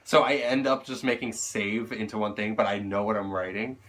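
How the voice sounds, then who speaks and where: Low-voiced joking young man. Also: level tone, normal speed, a bit bright. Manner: crude, joking, laughs often. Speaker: co-host. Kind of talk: casual chat.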